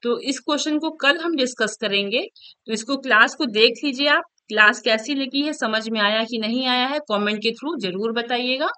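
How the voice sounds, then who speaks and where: A woman's voice: a little high, moderate pace, bright, forceful tone, clean tone, dry recording. A woman teacher giving an online exam-prep lesson, explaining step by step, checking in often and writing on a board as she goes. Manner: writes and erases on a board while talking.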